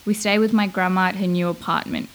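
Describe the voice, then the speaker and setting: A young woman from Malaysia narrating a reflective spoken-word essay, slow and measured, lingering on her phrases. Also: lowish voice, fairly even intonation, poor audio.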